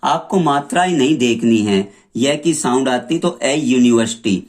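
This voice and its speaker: A man teaching English grammar, who slowly repeats examples and sounds out each letter. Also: medium pitch, animated, a little mellow. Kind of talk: classroom lesson explaining articles.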